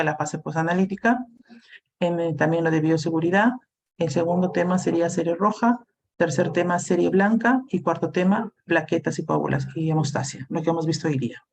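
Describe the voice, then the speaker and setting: A woman's voice: lowish voice, darkish tone. A woman lecturing a university class over a video call, explaining steadily and checking in with the students as she goes. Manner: explains plainly, checks in with "¿no?", "¿sí?" and "este" fillers. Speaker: university clinical lab lecturer.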